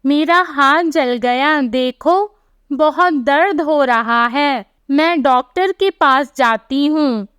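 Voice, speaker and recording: A woman's voice: high-pitched, slow pace, fairly bright tone, no room sound. A woman voicing a timid, overworked young daughter-in-law in a storybook tale, speaking meekly and pleading. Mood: tearful. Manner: meek, pleading.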